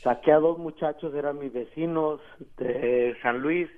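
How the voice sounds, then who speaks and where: A man's voice: on the high side, a little slow. A Mexican man with a Mexican accent, calling in to a radio show and telling a long, rambling, slangy story. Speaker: caller. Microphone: telephone. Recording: tinny phone line.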